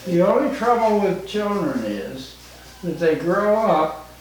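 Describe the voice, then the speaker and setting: A very old man of ninety-nine chatting casually with children in a halting, rambling, jocular way. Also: high voice, expressive. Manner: jocular, chuckles often. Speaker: elderly guest, retired forester. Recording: very echoey room, distant mic, faint noise.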